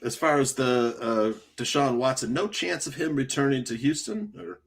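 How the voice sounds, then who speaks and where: A man chatting casually on a podcast, easygoing and a little hesitant. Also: medium pitch. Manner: easygoing, hesitant, halting replies.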